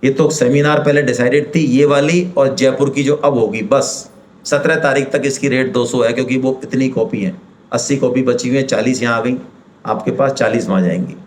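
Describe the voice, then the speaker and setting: Animated man giving a devotional seminar talk. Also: mid-range voice, moderate pace, a little hiss or hum. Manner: animated, rhetorical questions, acts out quoted voices; colloquial, persuasive, direct address. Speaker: Gita seminar speaker.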